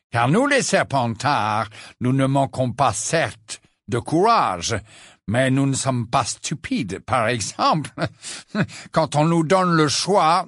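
A man's voice: medium pitch, a bit bright, dry recording, clean studio sound. Man voicing Phineas, a sneering old wizard portrait. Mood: mocking. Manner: slow sarcastic drawl, mocking asides. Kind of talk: audiobook character voice.

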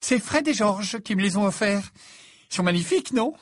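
Man doing a shrill fussy mother witch. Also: animated, moderate pace, dry recording, studio quality.

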